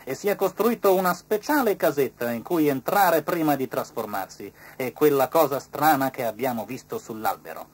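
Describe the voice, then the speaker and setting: A woman voicing a clever male ant inspector who calmly explains the case in a children's story. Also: a bass voice, normal speed, few pauses, breathy edge, full character voice. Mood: confident. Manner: confident explaining.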